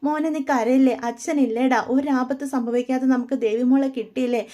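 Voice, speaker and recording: A woman voicing an older father who gently soothes his grieving son. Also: sits high, steady tone, a little fast, lightly acted. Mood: consoling. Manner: soothing, coaxing.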